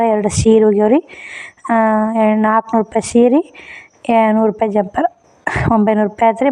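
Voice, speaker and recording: A woman's voice: on the high side, mellow, poor audio. A woman, a village shopkeeper chatting casually to her viewers in a daily vlog and often calling them friends.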